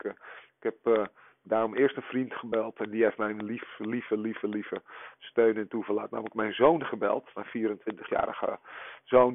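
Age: 40s. Sex: man. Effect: voicemail over a tinny phone line. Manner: halting, many fillers. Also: lowish voice, no room sound. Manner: halting, full of hesitations and filler sounds. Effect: voicemail message played over a phone line. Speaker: podcast co-host. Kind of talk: rambling spoken voicemail.

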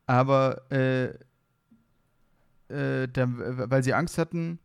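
A man's voice: medium pitch, takes it slowly, creaky, clear, resonant tone. A young man from Hesse, chatting casually as a podcast co-host, playful and laughing, often restarting his sentences. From Hesse, Germany. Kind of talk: casual chat.

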